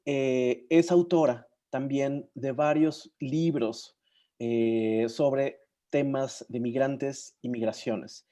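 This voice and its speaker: A man hosts an online session, his voice mellow and warm in tone. He talks in a halting way, often pausing as he searches for words and names. The sound comes through a video call. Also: mid-range voice. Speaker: moderator. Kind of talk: casual online session hosting.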